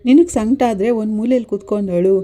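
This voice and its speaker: A bitter, scheming mother-in-law full of accusation and self-pity, put on by a woman reading a serial recap. The voice is dark and mellow, with no strong change from a plain reading. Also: mid-range voice, quick pace, lightly acted.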